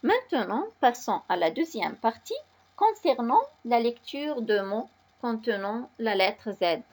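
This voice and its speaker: Woman, teacher, spelling letters slowly, fairly high voice, husky. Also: sing-song, darkish tone. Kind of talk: slow reading lesson for children.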